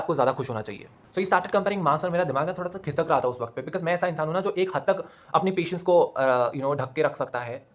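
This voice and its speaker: A young man tells a personal story in a relaxed, chatty vlog at home. He talks quickly, in a slightly high voice, and keeps dropping English phrases into his speech.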